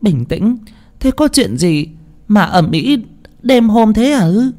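A man's voice: big pitch swings, takes it slowly, a little mellow, heavily acted. A man voicing a frightened village woman and her crying daughter, stammering in panic. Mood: panicked. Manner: panicked, stammering, high and shrill.

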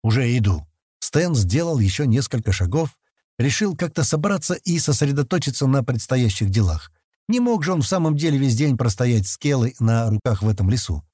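Lively, mellow-voiced male audiobook narrator. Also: medium pitch, fairly quick, breathy edge, dry recording, studio quality. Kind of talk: audiobook reading.

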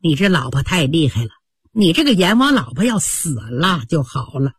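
A woman's voice: low voice, very animated, normal speed, slightly rough, no room sound, clean studio sound, pitched below the performer's own voice, full character voice. A woman voicing a sly, flirtatious servant's wife who teases coyly. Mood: coy teasing.

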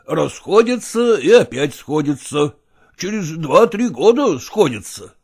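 A man playing a pragmatic older merchant father who coaxes his daughter in a dramatized reading, with a husky, gravelly voice and folksy persuasion. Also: fairly high pitch, sing-song, unhurried, darkish tone, full character voice. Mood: coaxing.

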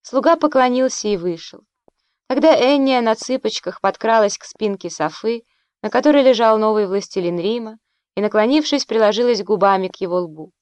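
A woman narrating a historical novel in an even, literary reading. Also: on the high side, moderate pace, smooth, dry recording. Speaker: audiobook narrator. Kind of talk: scripted narration.

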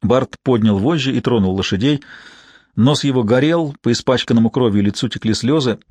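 Male audiobook narrator, measured delivery, middle pitch, dry booth sound. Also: darkish tone, no echo. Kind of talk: scripted narration.

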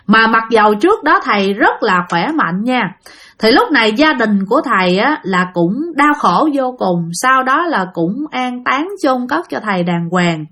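A woman with a Southern Vietnamese accent tells a ghost story in a loose, chatty way, with a fairly high voice. She keeps speaking straight to her listeners and fills her sentences with small fillers. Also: big pitch swings, normal speed, fairly bright tone. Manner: chatty, addresses listeners directly, frequent fillers. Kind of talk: casual spooky storytelling to listeners.

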